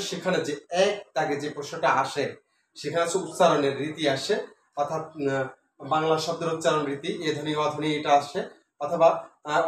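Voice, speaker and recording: A man giving a pronunciation lesson, explaining step by step and repeating words slowly with many fillers. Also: a little high. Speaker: Bengali teacher. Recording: echoey room, voice from a distance, faint noise.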